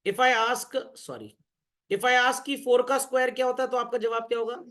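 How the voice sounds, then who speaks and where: A man's voice: very high voice, steady tone, fairly bright tone. A male teacher giving a classroom lecture, joking and quizzing the class as he goes, often calling the students children. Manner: jokey, keeps addressing the class as children; asks the class quick questions. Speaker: commerce teacher.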